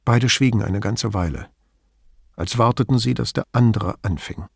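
A man narrating a novel as an audiobook, in an expressive storytelling manner. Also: fairly low pitch, normal speed, gravelly, breathy edge, no echo, studio quality. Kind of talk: scripted narration.

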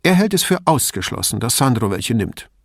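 A man's voice: medium pitch, very animated, gravelly, no room sound, clean studio sound. A man voicing a worried, defensive woman professor who talks about her son in a storybook reading. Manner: tense and quick to bristle.

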